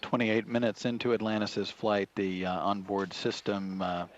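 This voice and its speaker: A man giving live spaceflight commentary from mission control in a measured, halting, official way. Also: fairly low pitch, little pitch movement. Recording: slightly dull broadcast audio.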